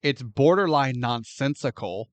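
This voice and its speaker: A man co-hosting a podcast, recapping a film plot in an animated, profane, incredulous way. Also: medium pitch, a little slow, no echo. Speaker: podcast co-host. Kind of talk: casual movie review chat.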